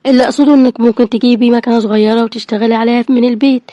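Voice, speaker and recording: A brisk, practical neighbor woman in a storybook, as a woman puts her on, chatting in Egyptian Arabic with reassurance. Her voice is high and fast, mellow in tone, recorded dry and close. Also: steady tone, dry recording, highs cut off, natural voice. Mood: encouraging. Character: caring, practical neighbor woman, old friend.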